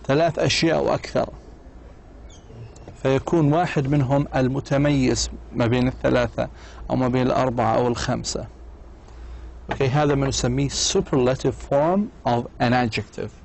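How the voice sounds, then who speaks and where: A man giving a university English lecture, explaining slowly in Arabic and sounding out English example words. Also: medium pitch, fairly even intonation, creaky, a little mellow, slight background noise. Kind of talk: distance-learning lecture.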